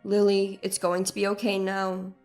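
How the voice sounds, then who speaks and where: A woman voicing a protective young man, an older brother who speaks with low, steady, hushed concern. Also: normal speed, faint music behind, lightly acted.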